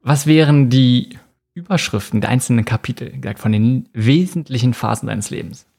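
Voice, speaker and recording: A man's voice: medium pitch, moderate pace, vocal fry, dark tone. A man hosting an interview, affirming his guest in a friendly way and asking open questions. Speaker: podcast host, interviewer. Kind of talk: casual conversational interview.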